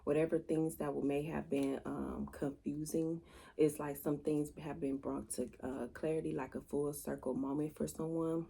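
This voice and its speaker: A woman speaks in a low, crackly, raspy voice. Her delivery is monotone and matter-of-fact as she chats casually to viewers of her tarot readings. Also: moderate pace. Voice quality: raspy, gravelly. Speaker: tarot reader hosting a channel.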